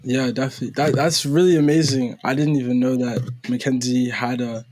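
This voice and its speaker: A man's voice: medium pitch, steady tone, fairly quick, a little mellow. A man co-hosting a podcast, speaking in a casual, easygoing way. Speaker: podcast co-host. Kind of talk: conversational interview.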